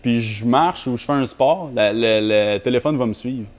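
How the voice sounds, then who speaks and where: A man hosts a relaxed podcast chat. He asks short, prompting questions in an ordinary mid-range voice. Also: medium pitch, normal speed. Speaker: podcast host. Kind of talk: casual interview chat.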